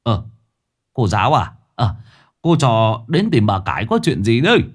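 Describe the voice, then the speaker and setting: A man's voice: mid-range voice, big pitch swings, normal speed, breathy edge. A man voicing an older, absent-minded father who calls down from a balcony in a ghost story reading. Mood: gruff calling. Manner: calling down from a balcony.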